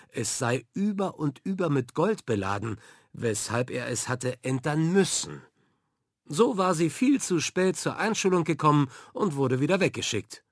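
A man narrating a children's story in an expressive, measured reading. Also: medium pitch, husky, no echo, studio quality. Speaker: audiobook narrator.

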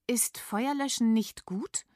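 A woman reading a story, putting on the voice of a cheeky, stubborn little girl in a raised, bright tone. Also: fairly high pitch, slow, no echo, studio quality, pitched above the performer's own voice. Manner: bright, defiant, matter-of-fact.

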